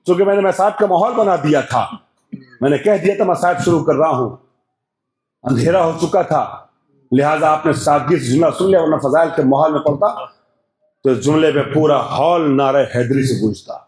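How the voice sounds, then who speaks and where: A man preaching a mourning sermon in a high, ringing voice. He declaims in long swells, repeats his phrases for weight, and climbs to shouting. He speaks to a large, darkened hall. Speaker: Shia religious orator. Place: large hall with lamps put out.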